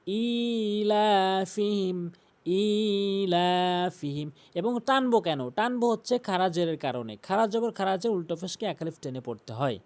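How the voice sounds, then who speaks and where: A man's voice: high voice, big pitch swings. A man teaching tajweed pronunciation, explaining common mistakes and drawing out the recited words, repeating each sound several times. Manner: drawn-out chanted recitation of example words between explanations.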